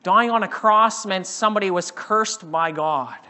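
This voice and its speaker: Male preacher, sermon, dramatic delivery; bright tone, echoing hall. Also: high-pitched, a little slow. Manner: dramatic, acts out quoted speakers.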